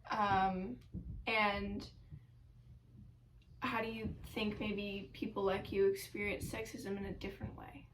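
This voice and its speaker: A woman's voice: medium pitch, level tone, recorded from a distance, noisy background. A young woman asking her younger sibling interview questions in a casual way, with many fillers like "um" and "like". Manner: slow, filler-heavy with "like".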